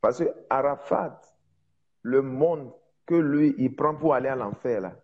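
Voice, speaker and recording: A man preaching in French with a foreign accent, a non-native speaker teaching informally on evangelism, with emphatic repetition and halting searches for words. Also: medium pitch, muffled recording. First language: not French, speaks it as a second language. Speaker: preacher, prophet.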